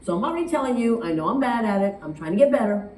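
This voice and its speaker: Woman from the United States, animated and chatty, mellow low voice, echoey hall, heard from afar. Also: very fast, a little hiss or hum. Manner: animated, chatty, with sung and acted quotes. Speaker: speech contest judge. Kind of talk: speaking to an audience. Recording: echoey room from far off.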